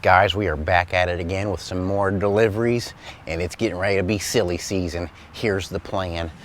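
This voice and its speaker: A man hosting a kids' gym video gives a helper instructions in a casual, playful chat while setting up a prank. His voice sits low with fairly even intonation and a moderate pace, over slight background noise.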